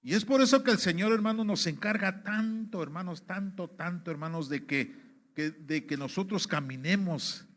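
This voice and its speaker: High-voiced Mexican man preaching. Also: a bit bright. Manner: repeats "brothers" constantly, rhetorical questions, halting restarts. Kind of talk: sermon.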